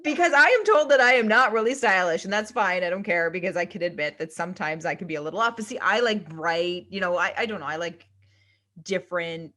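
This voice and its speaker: A woman's voice: lowish voice, a little fast, bright, forceful tone. A woman co-hosting a podcast, chatting casually and laughing as she talks. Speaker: podcast co-host. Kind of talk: casual chat.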